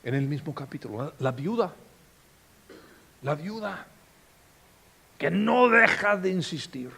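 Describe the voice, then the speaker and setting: A man preaching a sermon as a pastor, with expressive delivery and dramatic swings in volume. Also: a little high, a little slow, creaky, breathy edge.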